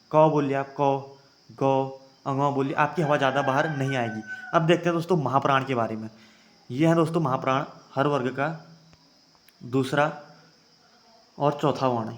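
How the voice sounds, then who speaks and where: A young man teaching an exam-prep grammar lesson, calling his viewers friends and having them try each sound aloud. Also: mid-range voice. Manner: addresses viewers as friends, repeats points.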